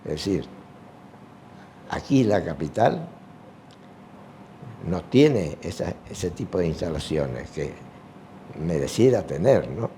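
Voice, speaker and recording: Older guy, deep dark voice, slow, lots of ehs, looking back on old times. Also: sing-song, a little hiss or hum. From Argentina. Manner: slow, halting, with many fillers. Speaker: retired sports teacher. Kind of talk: reminiscing interview answer.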